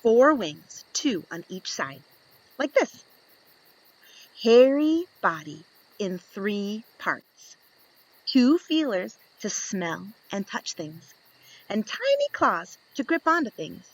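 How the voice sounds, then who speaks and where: Reading a picture book to young children, a woman moves slowly from page to page with a swooping, expressive voice. She plays with the plot and keeps asking her listeners questions. She speaks at a medium pitch and slow pace, and the recording is rough.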